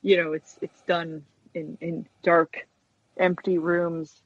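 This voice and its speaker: Speaking slowly in a lowish voice with little pitch movement, an American woman who animates stop-motion puppets casually tells anecdotes as an interview guest, hesitating and rambling with frequent "you know"s. The recording has no echo but sounds muffled.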